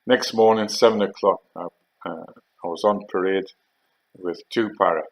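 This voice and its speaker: Low-voiced and fairly even in intonation, this older Geordie man from Northeast England is an army veteran spinning rambling war stories. He talks in an unhurried, hesitant way full of fillers, casual and anecdotal, on a low-quality recording.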